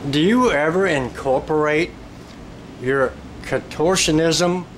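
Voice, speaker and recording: Male interviewer, jokey drawl, mid pitch, clear room hum. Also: takes it slowly. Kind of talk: casual interview. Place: small dressing room, indoors. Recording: room audio with steady hum.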